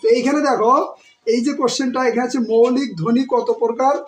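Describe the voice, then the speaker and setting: A male teacher giving an exam-prep grammar lesson. He asks his students questions, answers them himself, and repeats words slowly, stretching out each syllable. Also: very high-pitched, fairly even intonation, rough recording.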